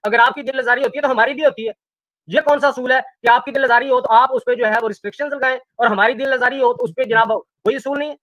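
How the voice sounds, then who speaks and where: Fast, high-voiced man arguing insistently. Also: steady tone, fairly bright tone, no echo, lo-fi sound. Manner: insistent, argumentative, keeps pressing questions. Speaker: debate guest challenging the hosts. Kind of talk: heated live-stream debate.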